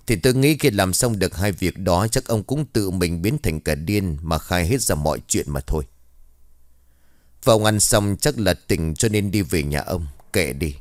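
A sly older sorcerer speaks in a low, lively voice, as a man puts him on, coaxing with calm certainty. The sound is close and dry, like a story read straight into the mic. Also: no room sound, natural voice. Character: cunning older male sorcerer, scornful.

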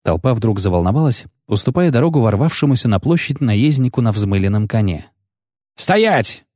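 A man reading an audiobook narration in a theatrical, expressive manner. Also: lowish voice, a little fast, no echo, studio quality. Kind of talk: scripted narration.

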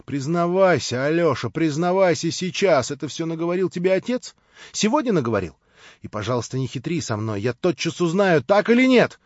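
A man's voice: a little high, big pitch swings, brisk, no room sound. A man playing a fiery scolding young woman. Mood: indignant. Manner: heated, scolding. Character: young woman, fiery, indignant and quick to accuse. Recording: dry, slightly dull lo-fi audio.

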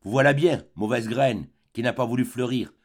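A man doing a loud, jovial old deaf count. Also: mid-range voice, normal speed, slightly rough. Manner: loud, hearty, teasing.

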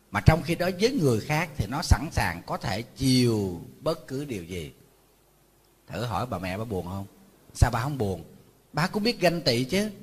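Husky monk telling stories. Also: male voice, medium pitch. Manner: lively storytelling, acting out family quarrels, scolding asides. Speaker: Buddhist monk teacher. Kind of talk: conversational sermon to an audience.

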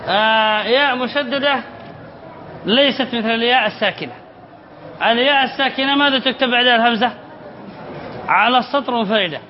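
Sheikh, male, very high voice, classroom lesson, quizzes then answers himself, dull recording with faint hiss. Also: a faint crowd. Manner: explains by asking questions and answering them himself, repeats phrases slowly. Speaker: sheikh teaching Arabic spelling. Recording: slightly dull recording with faint background noise.

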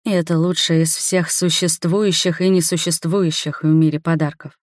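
A confident young man who speaks softly and intimately, voiced by a female audiobook reader in her own low tone. The storybook voice is recorded dry and close. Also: moderate pace, dry recording, natural voice. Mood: tender. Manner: soft, calm and intimate. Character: confident, tender young man, fire mage.

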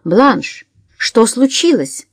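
A woman voicing a blind man who speaks quietly and with tight control. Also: a little high, big pitch swings, drawn-out words, husky, no echo, clean studio sound, pitched above the performer's own voice, exaggerated voice. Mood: restrained. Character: blind man, calm and restrained.

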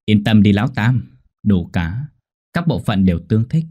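A man voicing a smug villainous doctor in a horror audio story, talking with cool self-satisfaction. The voice is dark and husky. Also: on the low side, big pitch swings, moderate pace. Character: smug cruel male surgeon, organ trafficker.

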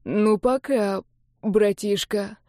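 Woman doing a hurt guy gasping out orders in a hoarse half-whisper, dark voice. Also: mid-range voice, fairly even intonation, takes it slowly, no echo, studio quality, natural voice. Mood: urgent. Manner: urgent, commanding, gasping. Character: hoarse wounded young man, older brother. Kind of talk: audiobook character reading.

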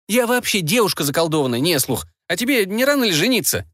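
A man's voice: very animated, fast talker, a bit bright, no echo, studio quality. A man voicing a bossy enchanted frog-girl. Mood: exasperated. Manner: bossy, exasperated, high-pitched. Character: enchanted frog, really a sharp 25-year-old woman. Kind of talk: audiobook character voice.

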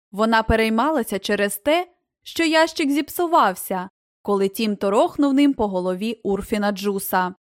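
A woman giving a gentle, expressive scripted reading of a children's tale. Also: on the high side, no echo, studio quality. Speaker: audiobook narrator.

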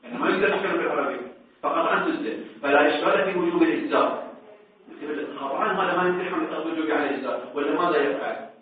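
Fast-talking man teaching law. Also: fairly high pitch. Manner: questions students, repeats words for emphasis. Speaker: seminary teacher. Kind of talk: religious law lecture. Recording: distant, echoey, phone-like.

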